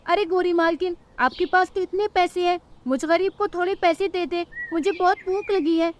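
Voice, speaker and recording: A woman's voice: very high-pitched, steady tone, moderate pace, a little hiss or hum. Woman doing a kind generous sparrow. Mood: pleading. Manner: gentle and giving, pleading in the dream.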